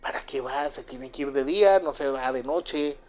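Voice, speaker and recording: A man's voice: medium pitch, moderate pace, faint music behind. A man with a Mexican accent telling a first-person true story, rambling with lots of fillers and tag questions. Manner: rambling, filler-heavy with frequent "pues" and "¿verdad?".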